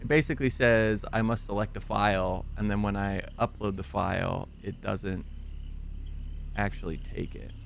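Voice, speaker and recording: A man's voice: fairly low pitch, steady tone, normal speed, gravelly, a little hiss or hum. A man working as game master, casually narrating a tabletop fantasy game.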